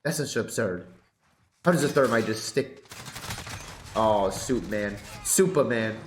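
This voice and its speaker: Recorded on a boom-mic headset at a home gaming setup, a young competitive gaming YouTuber casually runs through his game settings and commentates play. His congested voice is fairly low and a little slow, relaxed with occasional excitable bursts, in reverberant audio carrying a little hiss or hum.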